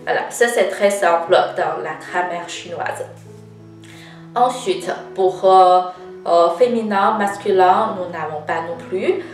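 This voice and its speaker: Slow-spoken Chinese woman teaching, roomy sound. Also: lowish voice. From China. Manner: frequent hesitations with "euh", deliberate and patient. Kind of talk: slow, careful language lesson. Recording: roomy, slightly distant mic with faint guitar music.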